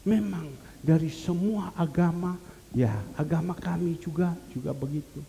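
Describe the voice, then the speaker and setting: A man's voice: on the high side, moderate pace, gravelly, mellow. A middle-aged man preaching a sermon as a pastor. He tells stories and earnestly repeats key phrases for emphasis. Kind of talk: sermon with storytelling. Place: large church hall. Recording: reverberant hall with faint hiss.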